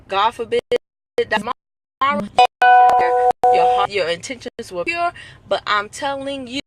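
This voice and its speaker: A woman's voice: high voice, bright, forceful tone. A woman with a Southern American accent hosts a casual live stream, giving an emphatic pep talk that repeats its points and acts out little phone calls. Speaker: motivational live-stream host.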